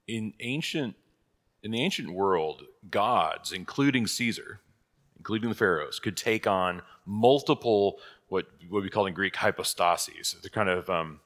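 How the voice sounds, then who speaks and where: A pastor leading a prayer and then teaching a catechism class in a conversational way, thinking aloud, heard with a cathedral-like echo. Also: male voice, low voice, fairly bright tone. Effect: cathedral-like echo, long hall reverb. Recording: long reverb in a large hall.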